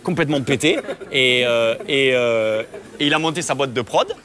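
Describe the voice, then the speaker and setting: A man's voice: medium pitch, fairly bright tone. A young man from Perpignan with a southern French accent, a stand-up comedian chatting and then doing his routine, joking, with lots of stammered restarts. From Perpignan, southern France. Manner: quick, joking, many restarts and stammered repeats. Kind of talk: casual chat and stand-up routine. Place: TV studio café set with audience.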